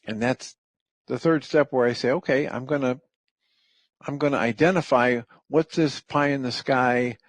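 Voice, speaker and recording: A middle-aged man hosting a radio show, calmly and gently walking through the steps of a practice. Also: mid-range voice. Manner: calm, gentle, step-by-step explaining. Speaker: radio host. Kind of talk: reflective talk radio teaching.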